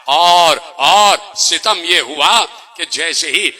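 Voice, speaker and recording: Male preacher, mourning sermon, fairly high and sharp, presses the crowd with questions. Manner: exhorting the crowd with rapid rhetorical questions.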